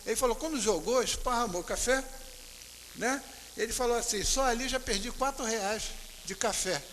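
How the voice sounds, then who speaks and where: A man with a Brazilian accent giving a religious talk at a spiritist center, retelling anecdotes and slowing down to stress each teaching. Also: very high voice, a bit bright. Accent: Brazilian Portuguese. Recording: hall reverb with faint hiss.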